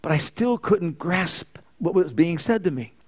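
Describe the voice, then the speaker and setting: A man's voice: high-pitched, lively intonation, unhurried, darkish tone. A middle-aged man preaching a sermon, emphatic, repeating phrases in threes and telling personal stories. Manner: tells personal stories with quoted dialogue.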